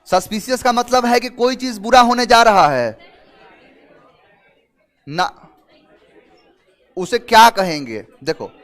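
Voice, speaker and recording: A man's voice: extremely high pitch, slow pace, pauses often, some chatter behind. A man teaching English vocabulary to students, explaining in Hindi mixed with English terms and asking them questions. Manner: lively and talkative, gives everyday examples. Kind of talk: online exam-prep class.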